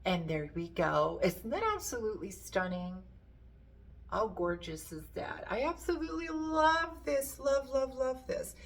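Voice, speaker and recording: A woman's voice: fairly high pitch, lively intonation, a little slow, vocal fry. A woman from Portugal with a Portuguese accent, chatting enthusiastically and rambling a little as she shows pieces from her shop. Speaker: antiques seller. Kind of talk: casual show-and-tell.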